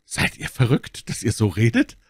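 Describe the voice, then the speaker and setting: A man's voice: on the low side, very animated, moderate pace, a little mellow, dry recording, clean studio sound. Man playing an indignant haughty duke. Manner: raised, indignant and exclaiming. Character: haughty English duke, middle-aged, imperious, easily angered. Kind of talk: audiobook character voice.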